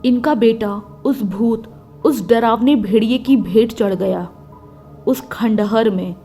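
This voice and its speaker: A woman voicing a village neighbor woman who tells the news in a low, grave, measured way. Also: dark tone, soft background music. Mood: grim. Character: grim village neighbor woman telling of the beast.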